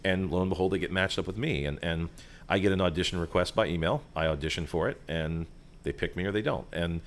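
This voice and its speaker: A man with a very low, deep voice talks through the voiceover business in a loose, chatty way. He drifts into asides and fillers as he explains. It was recorded at a restaurant table. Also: fast. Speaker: voiceover artist and sound designer, guest. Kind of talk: conversational explaining.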